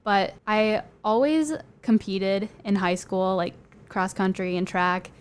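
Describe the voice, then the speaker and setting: A woman's voice: medium pitch, fairly even intonation, slow, smooth. A young woman guest in a casual podcast chat, talking openly with many fillers. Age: young adult. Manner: chatty, many "like" fillers, light laughs.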